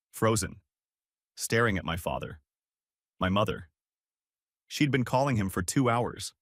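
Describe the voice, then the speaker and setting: Brief: young male narrator, low voice, measured delivery, dry close recording. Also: a bit bright, no echo. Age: young adult. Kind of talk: scripted first-person story narration.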